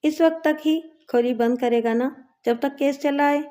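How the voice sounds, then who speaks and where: A woman's voice: high voice, dark tone, lightly acted. A woman reading the lines of a brash, shameless woman inmate who boasts and mocks. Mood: boastful. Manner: boastful, mocking.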